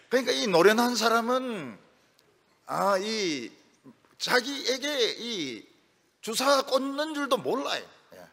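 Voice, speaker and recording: Middle-aged pastor guy preaching, gravelly and husky, super animated, big echoey church hall. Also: high-pitched. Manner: animated, acts out quoted voices, lively storytelling. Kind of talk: sermon. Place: church sanctuary. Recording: long reverb of a church hall.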